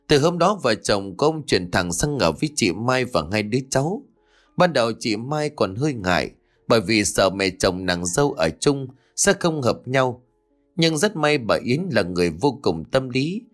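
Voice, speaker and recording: A male storyteller reading a ghost story with expressive cadence. His pitch moves in lively arcs, and soft music plays behind him. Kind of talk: dramatic story narration.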